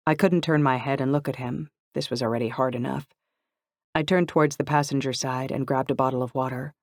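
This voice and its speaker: Male narrator, mid pitch, even first-person read, dry booth sound. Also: fairly quick, no echo. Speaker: audiobook narrator.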